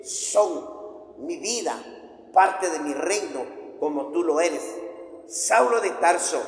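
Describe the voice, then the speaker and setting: Solemn, commanding Jesus read by a male preacher with a raised pitch in a booming, echoing hall. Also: creaky, slight background noise, exaggerated voice. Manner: solemn, pleading repetitions. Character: Jesus, a grave and commanding man speaking to a persecutor. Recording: echoey hall with long reverb.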